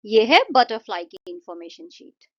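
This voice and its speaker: A woman English teacher explaining a textbook lesson in Hindi, reading the English passages out slowly. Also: mid-range voice, big pitch swings, a bit bright. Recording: dull lo-fi recording.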